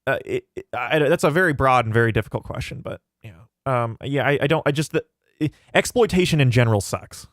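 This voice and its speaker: A man's voice: medium pitch, lively intonation, brisk, dry recording, clean studio sound. A man hosting his own livestream, thinking aloud as he answers questions from the live chat. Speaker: channel host reading live chat. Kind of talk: casual livestream talk.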